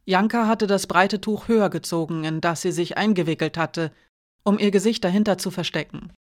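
A woman narrating an audiobook in a measured, expressive reading. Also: lowish voice.

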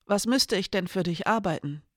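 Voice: medium pitch, normal speed, a bit bright, no echo, studio quality, close to an everyday voice. A narrator voicing a curious, skeptical young woman who loves books and questions everything, in an audiobook. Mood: wary.

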